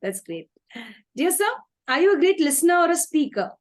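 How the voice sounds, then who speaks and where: A woman interviewer speaks in a high voice. She puts her questions politely and deferentially, with effusive acknowledgement of the guest. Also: big pitch swings, normal speed.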